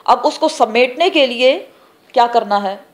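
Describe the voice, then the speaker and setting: A woman teaching a religious class, explaining scripture phrase by phrase and asking the class questions that she then answers herself. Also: on the high side. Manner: explains terms word by word, pausing between phrases. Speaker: Quran teacher.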